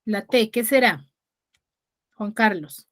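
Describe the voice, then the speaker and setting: A woman's voice: medium pitch, slow pace, fairly bright tone. A woman teacher giving an online class, explaining patiently and checking on her students with frequent questions. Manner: patient, explanatory, stresses key words.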